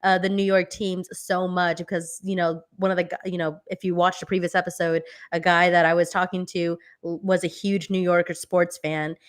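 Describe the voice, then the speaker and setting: A woman's voice: lowish voice, level tone, moderate pace, hardly any pauses. A woman co-hosting a casual live podcast, telling rambling stories full of "like" and swearing for emphasis. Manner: rambling storyteller, heavy use of "like", swears for emphasis. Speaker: podcast co-host.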